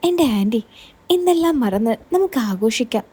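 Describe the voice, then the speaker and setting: A woman voicing an eager young man who asks gentle questions and consoles. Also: fairly high pitch, animated, brisk, slightly rough. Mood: consoling.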